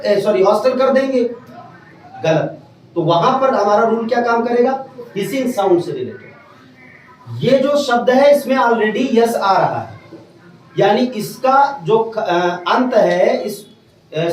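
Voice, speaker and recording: A male teacher gives a classroom grammar lecture in a fairly high voice. He often pauses to ask whether the class is following. The sound is very echoey and distant, as if the mic is across the room. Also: slight background noise. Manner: keeps checking if students understood.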